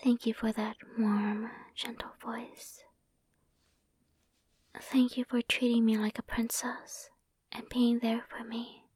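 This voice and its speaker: A young woman whispers close to the microphone in an intimate ASMR roleplay, sweet and affectionate. Her voice is breathy and mellow, a little high, and she speaks slowly and evenly. The sound is dry, with no room around it. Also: flat delivery, dry recording. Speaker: ASMR performer. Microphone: close sensitive microphone.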